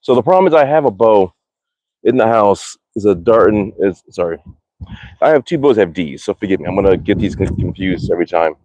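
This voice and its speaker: This man's voice is fairly low and darkish, brisk, with lively intonation, as he live-streams by phone from his backyard archery range. An archery livestreamer, he chats casually, rambles and restarts, answers viewer comments aloud, and mutters curses after bad shots. No room sound is audible, and the highs are cut off.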